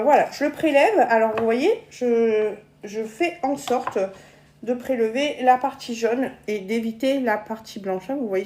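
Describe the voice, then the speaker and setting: A chatty woman with a high voice runs a live cooking demonstration from her home kitchen. She talks casually to viewers, trips over her words, and laughs easily. Her voice rings with the roomy echo of the kitchen. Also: a little mellow. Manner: chatty, laughs often, stumbles and repeats words.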